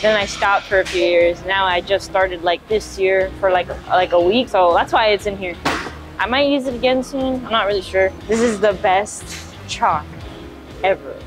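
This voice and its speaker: A woman's voice: mid-range voice, moderate pace. A young woman powerlifter chatting casually in a gym, rambling with lots of filler words, on a lapel mic. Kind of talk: casual vlog chat. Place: indoor gym. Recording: background music under the voice.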